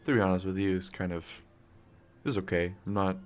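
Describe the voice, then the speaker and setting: Speaking briskly in a deep, steady voice still raspy from sleep, a young gaming streamer chats loosely on a live stream. He sits close to his desk mic in a home room, staying quiet because his family is sleeping, and swears, coughs, and uses fillers often as he rambles.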